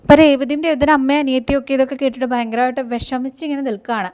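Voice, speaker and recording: Fast-talking woman retelling a serial. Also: high-pitched, smooth. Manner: fast, animated retelling with frequent fillers. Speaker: serial episode recapper. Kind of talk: retelling a TV serial episode, voicing each character's lines.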